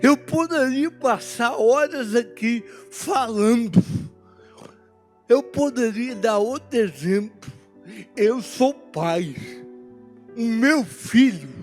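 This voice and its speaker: A man's voice: very high-pitched, lively intonation, slow, pauses often, faint music behind. A man in his forties with a Brazilian accent from Minas Gerais, preaching a sermon and telling a personal story with emotion, acting out the dialogue. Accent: Brazilian Portuguese, Minas Gerais.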